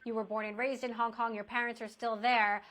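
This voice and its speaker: A woman news anchor reading headlines in a brisk, scripted way, then questioning a guest. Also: on the high side, flat delivery, a bit bright. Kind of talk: broadcast news interview. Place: TV studio.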